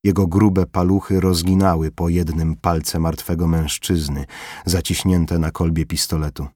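A man reading a novel aloud in measured, grave scripted narration. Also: sits low, little pitch movement, warm tone, no echo, studio quality. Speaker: audiobook narrator.

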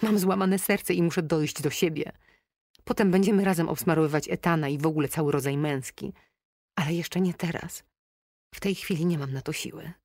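A woman's voice: sits low, a little fast, darkish tone, dry recording, clean studio sound. A woman reading an audiobook, voicing a heartbroken young woman who sounds tired and strained, sniffling through the call. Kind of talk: audiobook character voice.

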